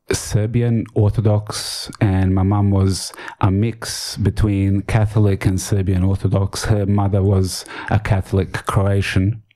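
Low, mellow-voiced man from Bosnia. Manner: halting, repeats words while searching for them. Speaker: interview guest. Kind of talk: personal life story in a radio interview.

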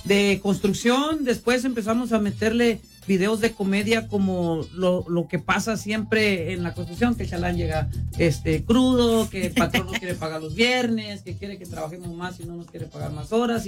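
Un hombre invitado en una entrevista de radio, que cuenta sus historias de forma relajada y con muchas muletillas. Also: male voice, sits high. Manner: relaxed storytelling, many fillers. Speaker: guest, content creator. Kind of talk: radio interview.

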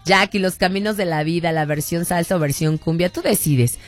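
A woman's voice: lowish voice, fairly quick, soft background music. Chatty Mexican woman radio host. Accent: Mexican Spanish. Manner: chatty, reads listener messages aloud. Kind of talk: casual radio chat.

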